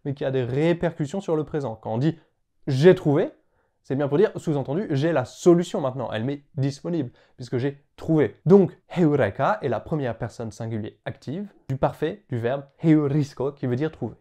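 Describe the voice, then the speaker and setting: A man's voice: a little high, expressive, brisk, dark tone. A man teaching word origins as a video host, playful and sounding out example words. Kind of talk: explaining language history to camera.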